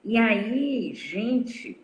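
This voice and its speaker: Halting school host in a roomy office. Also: mid-range voice, big pitch swings. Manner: halting, with many 'né' fillers. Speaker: school staff hosting the talk. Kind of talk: anecdotal chat in a live talk.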